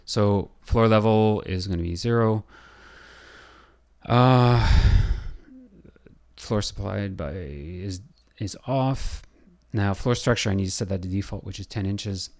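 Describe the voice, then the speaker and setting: Thinking out loud through a software design tutorial, a building designer pauses constantly and leans on fillers. His somewhat low voice has a raspy, scratchy quality, and he sounds like he's losing it.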